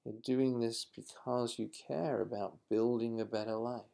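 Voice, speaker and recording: A man leading a guided mindfulness exercise in a slow, calm, instructive manner. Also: mid-range voice, creaky. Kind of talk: guided meditation.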